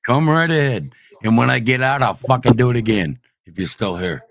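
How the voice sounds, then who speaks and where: A man in a heated, profane livestream rant at online trolls, swinging between shouting and low growls. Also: brisk, vocal fry. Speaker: streamer ranting at online trolls.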